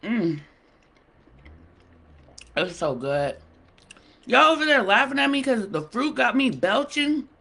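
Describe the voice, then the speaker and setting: A woman hosts a casual livestream and banters playfully with her viewers while she eats. Her voice has a gravelly, fry-edged texture. She talks at an unhurried, easygoing pace. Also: on the high side, sing-song, bright, forceful tone. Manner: chatty, playful, bantering with the chat. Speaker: livestream host.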